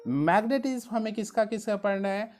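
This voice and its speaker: A woman's voice: medium pitch, expressive, a little fast, darkish tone. A woman physics teacher explaining how to study a chapter for exams. She mixes in English science terms, calls her listeners dear students, and keeps stressing which topics are important. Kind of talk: exam study-guide lesson.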